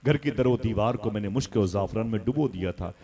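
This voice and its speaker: A man preaching a sermon at a live religious gathering, telling a story and swelling to loud cries as he urges the crowd to respond. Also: on the low side, fairly quick.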